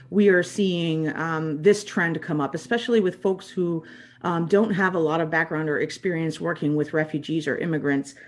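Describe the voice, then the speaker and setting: Uma mulher dos Estados Unidos conduz uma formação sobre serviços a refugiados. Fala de forma sincera e descontraída, com muitas hesitações como "hum" e "sabe". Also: female voice, low-pitched. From United States. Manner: earnest, conversational with many fillers. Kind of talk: training talk.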